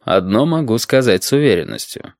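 A man voicing a composed male doctor who speaks coldly and in measured tones in an audiobook. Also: fairly low pitch, vocal fry, no room sound, clean studio sound. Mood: cool. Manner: cold, calm, measured. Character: cool, composed dark-haired male doctor. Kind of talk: audiobook character voice.

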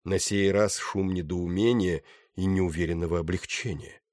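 Low-voiced male audiobook narrator. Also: fairly even intonation, moderate pace, a little mellow, no room sound, studio quality. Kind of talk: scripted narration.

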